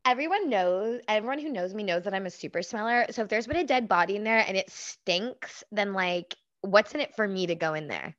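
A woman voicing an excitable young girl who talks in giggly teen slang, in an improv comedy scene. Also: medium pitch, brisk, hardly any pauses, dry recording, muffled recording, natural voice. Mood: excited.

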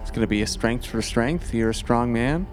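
A man acting as game master, calling out saves, damage and turns in a relaxed, good-humored way. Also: medium pitch, moderate pace, faint music behind. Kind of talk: running a tabletop game.

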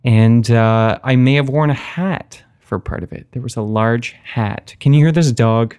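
A man with a medium-pitched voice hosts a comedy podcast. He moves between scripted announcer lines and casual asides, often interrupting himself. His delivery is playful and wry. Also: a little slow, darkish tone, clean tone. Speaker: podcast host. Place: basement away from usual home setup.

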